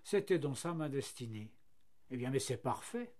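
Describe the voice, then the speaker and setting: A man's voice: medium pitch, lively intonation, moderate pace, darkish tone, lightly acted. A man voicing a cheerful, self-satisfied flax plant that becomes linen and then paper, marvelling at its fortune. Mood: delighted.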